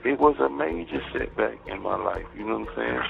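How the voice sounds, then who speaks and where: A man's voice: fairly low pitch, lively intonation, a little fast, creaky. A man talking on a prison payphone call, rambling and preachy, quoting scripture and turning heated and accusing. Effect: prison payphone line. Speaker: inmate on a prison phone call. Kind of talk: rambling phone talk. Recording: tinny phone line with music behind. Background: music.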